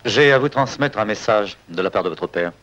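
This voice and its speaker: An actor playing a composed investigator in a 1970s film drama, questioning people in a terse, probing way. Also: male voice, on the low side, animated, moderate pace, a bit bright, faint music behind. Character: composed male investigator hired to find a client's daughter. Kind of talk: 1970s French-language film drama acting. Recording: dull, noisy old film soundtrack.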